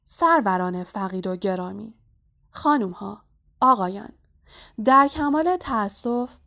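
A woman's voice: mid-range voice, lively intonation, creaky, sharp tone. A woman voicing a dry, formal male ghost who is easily offended, in a storybook reading. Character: stiff, offended half-headless male ghost host.

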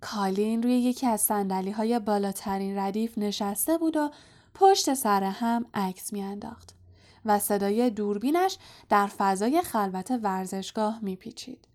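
A woman narrating an audiobook in a calm, soft storytelling voice. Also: mid-range voice. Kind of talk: scripted narration.

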